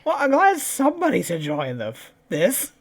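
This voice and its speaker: A man's voice: very high voice, wildly swooping pitch, moderate pace. A man playing a character in a tabletop game, joking around and laughing often. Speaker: player.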